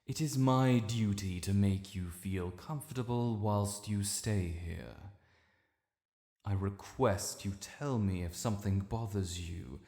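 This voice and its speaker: A man voices an ancient, regal British dragon lord, stern yet protective, speaking slowly in formal, measured, stately diction. His voice is on the low side and a little mellow. In this fantasy audio roleplay he addresses the listener, with echoey, cavernous reverb.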